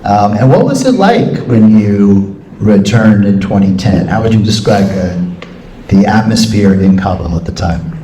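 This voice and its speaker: A man hosts a church forum interview in a relaxed, halting way, filling gaps with pauses. His voice is mellow and darker in tone. It comes from some distance in an echoey hall with a faint hiss. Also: fairly low pitch. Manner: relaxed and hesitant, with many "uh"s. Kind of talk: hosting an interview. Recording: echoey hall, voice from far off mic, faint noise.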